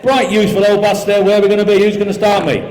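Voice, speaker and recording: A man's voice: high-pitched, level tone, very fast, darkish tone. A man calling a live auction, chanting and repeating bids and figures as auctioneer. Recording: echoey hall sound with music behind.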